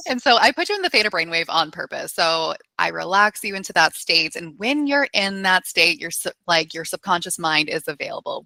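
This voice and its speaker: A woman hypnotherapist talks through her subject in a casual, chatty podcast manner, laughing often and leaning on fillers. Her voice is bright and sits a little low for a woman. The sound is close and dry. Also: no echo. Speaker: hypnotherapist guest.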